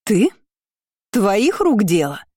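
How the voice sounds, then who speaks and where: A woman voicing a harsh middle-aged aunt who scolds and shouts. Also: on the low side, normal speed, dry recording, lightly acted. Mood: furious.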